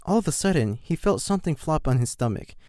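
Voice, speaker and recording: Man reading a storybook aloud, animated. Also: fairly high pitch, fast, dry recording, clean studio sound. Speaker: reader. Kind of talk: audiobook narration of fan fiction.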